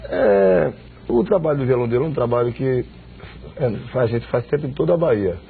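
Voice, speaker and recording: A middle-aged singer from Sergipe, Brazil, chatting relaxed with many fillers in a TV studio on a lapel mic. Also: male voice, medium pitch, fairly quick, vocal fry, slightly rough. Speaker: band singer. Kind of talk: casual interview chat. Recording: tinny lo-fi broadcast audio with guitar.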